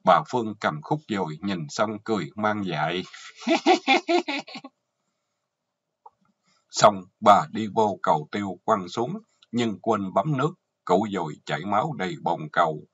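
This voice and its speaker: Casting: husky male storyteller, Southern Vietnamese accent, earthy and mocking, dull lo-fi recording. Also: sits low, lively intonation, moderate pace, fairly bright tone. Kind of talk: short story narration. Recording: dull lo-fi audio.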